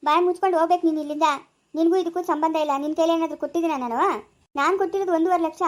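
A woman acting as a furious young village woman, harsh and threatening, with a very high voice and quick talk. She makes hard demands in an amateur family drama. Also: fairly even intonation.

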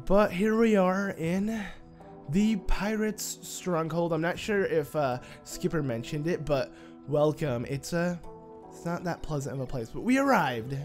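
An American let's play host chats casually through his gameplay, rambling and getting excited, with lots of "like" and "uh." His voice is slightly high, stuffy and nasal. Soft game music sits faintly in the background.

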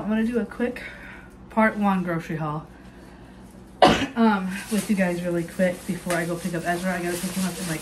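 A young woman vlogger with a fairly low voice shows off her groceries in a home kitchen, chatting casually with lots of ums and restarts. Her phone is propped on the counter to record, and there's heavy background noise.

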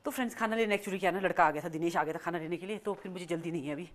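This woman talks in a racing voice on the low side. As a family vlogger, she narrates casually at home and outdoors with a phone camera, chatty and scolding while she rambles.

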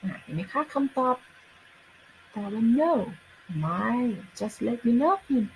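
A woman English teacher, explaining a song translation and reading English lines slowly and deliberately. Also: on the high side, very animated, narrow, tinny audio, slight background noise. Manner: slow deliberate English, sings Thai lyrics in between.

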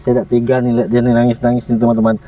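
A man casually vlogging to his viewers about his pet monkey, talking gently and coaxing it with soft chuckles. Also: mid-range voice, completely flat delivery, very fast, distant mic. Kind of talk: casual vlog narration to viewers.

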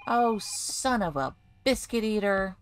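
A woman chats her way through a horror game at an unhurried pace. Her pitch moves a lot as she jokes with herself, and it jumps into yelps when something startles her. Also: lively intonation, a little hiss or hum. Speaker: gaming video host. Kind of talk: casual horror game commentary.

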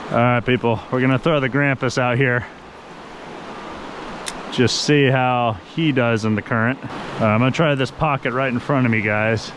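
A man's voice: fairly high pitch, a bit bright. A chatty man in his thirties talks straight to his viewers while fishing, upbeat and friendly, calling them guys. He records on an action camera held at arm's length outdoors by a river, with a faint wash of outdoor noise underneath. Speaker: fishing vlogger. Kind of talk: casual vlog narration to camera. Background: rushing river water.

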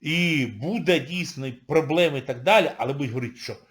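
A middle-aged man giving casual, sarcastic spoken commentary as a video blogger. He mocks people by mimicking them in shouts. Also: on the high side, quick pace.

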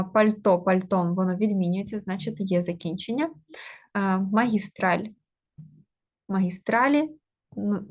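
A woman teaching a grammar lesson, going through test items one by one. She thinks aloud with frequent filler sounds and stops to correct herself, at an even middle pitch. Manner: explains step by step, many "e" fillers, corrects herself.

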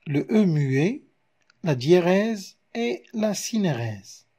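A man with a Moroccan French accent teaches a recorded lesson at an unhurried pace. His voice is slightly high, dark and a little husky. He walks through examples patiently and counts syllables aloud one by one. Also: big pitch swings. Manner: slow, explains step by step with examples. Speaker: literature teacher. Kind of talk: explanatory video lesson.

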